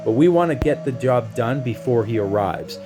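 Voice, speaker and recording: A man narrating a retro video game walkthrough in a loose, chatty way. He stumbles and restarts now and then. His voice sits at a middle pitch over faint background game music. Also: lively intonation, moderate pace. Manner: casual, chatty, with restarts and slang. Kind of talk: casual game walkthrough commentary.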